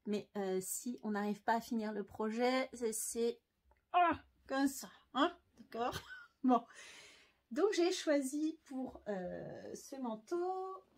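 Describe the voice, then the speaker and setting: Chatty French woman with a higher voice. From France. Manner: chatty, hesitant, many fillers. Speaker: sewing vlogger. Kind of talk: casual sewing chat to camera.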